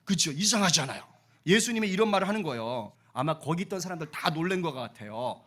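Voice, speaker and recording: Animated, high-voiced playful pastor. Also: male voice, fast talker. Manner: playful, questions and teases the children. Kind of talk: children's sermon.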